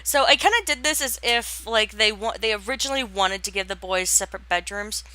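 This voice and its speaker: A young woman talks through her game build in a loose, rambling way, stopping and restarting her sentences often. Her voice is bright and forward, and the recording is dry with no room sound. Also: mid-range voice, brisk, no echo. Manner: rambling, hesitant, lots of fillers and restarts; yawns and laughs while talking. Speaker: gaming channel host. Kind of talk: casual voice-over commentary on a home build.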